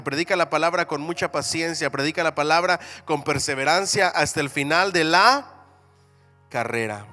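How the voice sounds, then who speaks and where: Emphatic church teacher, bright voice. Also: male voice, fairly high pitch, big-room sound. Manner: call-and-response, asks the class to repeat; reads scripture aloud with emphatic rises. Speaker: Bible seminary teacher. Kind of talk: church Bible class teaching. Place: church hall.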